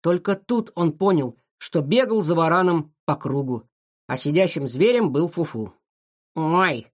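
A storyteller reading a children's adventure aloud, with a voice that rises and falls in lively swings. The delivery is expressive and animated, pitched in a middle register. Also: moderate pace, husky. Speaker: narrator. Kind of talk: children's audiobook narration.

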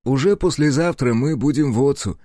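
A man's voice: medium pitch, a little fast, dark tone, dry recording, voice pushed up, lightly acted. An eager, hopeful traveling official speaks in a raised, earnest voice, as a male audiobook narrator puts him on. The recording is close and dry. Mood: excited. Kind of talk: audiobook character voice.

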